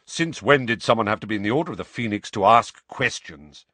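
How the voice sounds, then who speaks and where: A man reading an audiobook and voicing a guarded, wry grown man who talks low and stays calm. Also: a little fast, no room sound. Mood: cool. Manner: low, muttering, cool and calm. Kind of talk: audiobook character voice.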